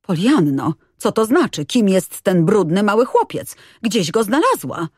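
A woman's voice: mid-range voice, animated, moderate pace, no room sound, clean studio sound, voice pushed up, lightly acted. A woman reading an audiobook, voicing a stern, strict aunt who speaks sharply.

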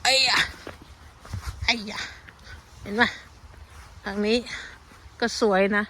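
A woman's voice: slow pace, sharp tone, slight background noise. A woman from the northeast, speaking, chatting casually to her viewers as she walks a woodland path filming on her phone. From Thailand. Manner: chatty, keeps addressing viewers as friends while pointing things out. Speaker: vlogger. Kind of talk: casual walking vlog.

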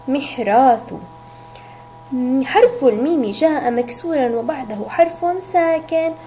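A woman teaching a phonics lesson to young children, speaking slowly and clearly and repeating each sound and word. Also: high-pitched, dark tone, a little hiss or hum. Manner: drawn-out repetition of sounds and words. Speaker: kindergarten teacher.

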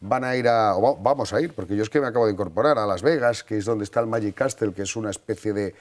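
A man's voice: lowish voice, quick pace. A man, a TV presenter appearing as a studio guest, rambling and chuckling with many restarts. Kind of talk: TV studio interview.

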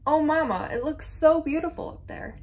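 A woman voicing a small, impatient, boastful boy chick in a read-aloud storybook, with an eager, high, excited manner. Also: fairly quick, lightly acted.

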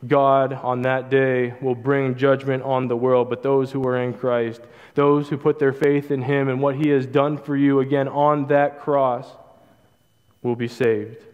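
A young man preaching a sermon as pastor, in a measured, earnest delivery with emphatic repetition. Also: mid-range voice, flat delivery, smooth. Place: church stage, large hall. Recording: hall reverb, dull lo-fi sound.

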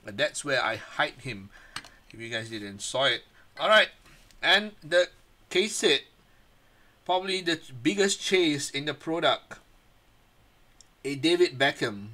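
A man hosting a card break, casually reading out player names one by one, his voice a bit hoarse. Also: fairly high pitch, pushed and bright.

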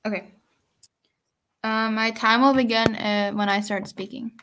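High-voiced woman on a breaking-up call. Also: fairly even intonation, unhurried, creaky, fairly bright tone, a little hiss or hum. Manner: checking whether she can be heard. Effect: breaking-up online call audio with a cutting-out mic. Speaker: debater. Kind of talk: competitive debate speech. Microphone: computer mic on a video call.

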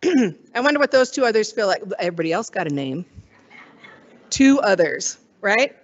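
A woman's voice: medium pitch, sing-song, normal speed, dull audio. A woman pastor giving a sermon in a conversational way, wondering aloud and acting out the quoted voices.

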